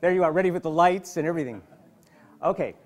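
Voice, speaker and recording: A middle-aged psychotherapist gives a hospital lecture, telling stories animatedly and often repeating or restarting words. His voice is on the high side and he talks quickly.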